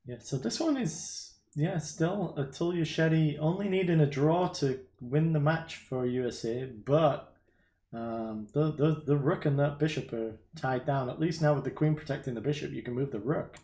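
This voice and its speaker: A man co-commentating live chess, relaxed, adding short remarks and questions. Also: fairly high pitch, moderate pace. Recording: roomy echo.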